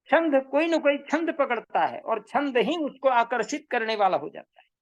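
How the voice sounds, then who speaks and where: A woman giving a measured, emphatic lecture on Vedic meter, repeating her key points. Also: high voice, lively intonation, lo-fi sound. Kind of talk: slow explanatory lecture.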